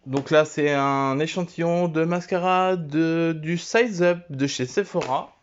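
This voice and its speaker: A man casually showing and naming his items one by one, talking haltingly with many fillers and restarts. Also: fairly high pitch, dull audio. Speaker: vlogger. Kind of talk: casual show-and-tell.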